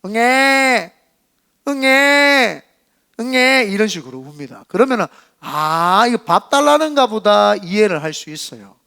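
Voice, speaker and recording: Male pastor, high lively voice, chatty sermon with playful asides. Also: normal speed, gravelly, few pauses. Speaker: senior pastor. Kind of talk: Sunday sermon.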